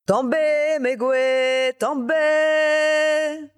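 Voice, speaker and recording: A storyteller voicing a magical male master of the woods who loudly chants spell commands, in a much higher and louder voice than the narration. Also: level tone, drawn-out words. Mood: chanting command.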